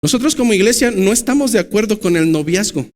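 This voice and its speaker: A man with a Mexican Spanish accent delivers a church sermon. His voice sits high for a man. He swings from loud, emphatic bursts to slow, low stresses. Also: animated. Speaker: pastor.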